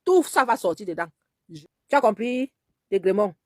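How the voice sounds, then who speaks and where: Speaking straight to viewers, this woman rants indignantly, pressing her point by repeating phrases and now and then mimicking another woman pleading. Her medium-pitched voice is slightly mellow, with lively intonation at a normal speed, captured in clean studio sound without room ambience.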